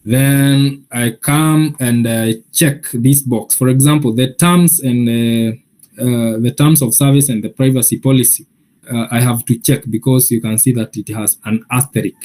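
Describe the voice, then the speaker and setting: A man leads a software tutorial, walking through an account sign-up one step at a time. His voice sits at an ordinary middle pitch. He pauses often and fills the gaps with hesitant "uh" sounds as he explains. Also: fairly even intonation. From Kenya. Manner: many filler "uh"s and restarts, patient step-by-step. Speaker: trainer. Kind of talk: software training walkthrough.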